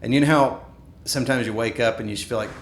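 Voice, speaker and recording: A man in his thirties chatting on a podcast, spinning an animated story and acting out the quotes. His voice sits at a medium pitch. The room is echoey, with a faint rumble underneath. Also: fast talker. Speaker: podcast co-host. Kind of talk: casual chat.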